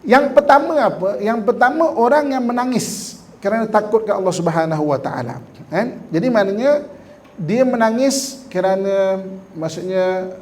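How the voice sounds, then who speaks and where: A Malaysian-accented man gives a morning religious talk in a mosque hall, his voice pitched high. He keeps asking his listeners to agree and mixes jokes into the teaching. A faint hum of room noise sits under him. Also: darkish tone. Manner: conversational, constantly asks "kan?" to the audience; jokes and laughs with the congregation.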